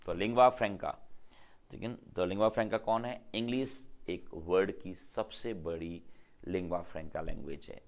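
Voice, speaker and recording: Middle-aged male teacher, deep low voice, repetitive drill-style vocabulary lesson. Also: a little mellow. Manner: repetitive, drills words with quick questions.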